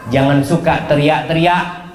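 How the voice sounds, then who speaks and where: Lively male preacher in an echoey hall. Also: measured pace. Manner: animated, swooping pitch, humorous asides. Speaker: Islamic preacher. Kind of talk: lively sermon to a congregation. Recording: echoey hall, faint room noise.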